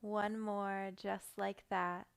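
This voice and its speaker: Slow, gentle woman guiding a meditation. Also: mid-range voice, gravelly, clear, resonant tone. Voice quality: soft, slow and soothing, with long pauses. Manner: calm, gentle instructions. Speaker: meditation guide. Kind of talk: guided meditation.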